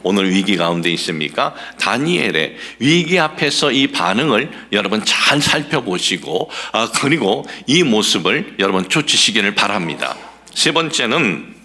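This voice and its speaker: A middle-aged pastor preaches a sermon in a lowish, bright voice with a forceful tone. He asks the congregation rhetorical questions and builds toward emphatic passages.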